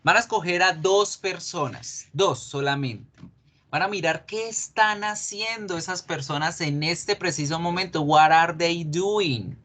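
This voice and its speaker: A male English teacher giving a class, explaining patiently, repeating key words slowly and asking students questions. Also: on the high side, fairly bright tone.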